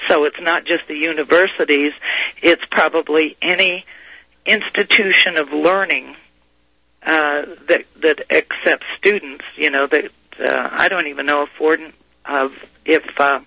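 A woman guest gives conversational commentary in a bright, forceful voice. She explains things haltingly, with small check-in questions, and the sound is dry and close. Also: low voice, steady tone, vocal fry, breathy edge, dry recording, low-quality recording. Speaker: talk show guest commentator.

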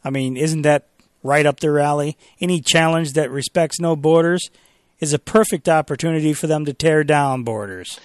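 A male talk radio host with a somewhat high voice, recorded close and dry in a studio without echo, delivers an opinionated monologue at a moderate pace. He reads official statements aloud and interjects sarcastic, mocking commentary aimed at his listeners.

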